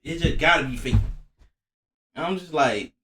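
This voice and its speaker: Excitable young man reacting loudly. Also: fairly high pitch, a little slow. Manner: loud, exclaiming, swears freely. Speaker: streamer reacting to a video. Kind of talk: casual reaction commentary.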